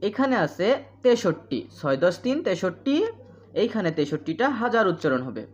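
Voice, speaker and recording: Casting: woman math teacher, low voice that rises and falls a lot, dull lo-fi audio. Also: sing-song. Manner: repeats questions and answers, counts out place values slowly. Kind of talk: primary school math lesson. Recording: dull lo-fi sound.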